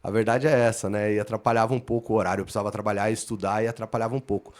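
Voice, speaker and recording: A man's voice: on the low side, level tone, very fast. A middle-aged man from inland São state, a police officer guesting on a podcast, telling his story earnestly and formally, often repeating words as he thinks. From interior of São Paulo state, Brazil. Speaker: police lieutenant colonel, guest.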